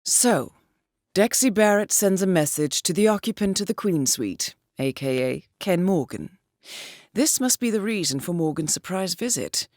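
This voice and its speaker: A woman gives a natural, animated reading as a cool, wry intelligence handler briefing an assassin in a video game, composed, formal, and businesslike. Her voice runs on the low side with a darkish tone at normal speed, and no room sound.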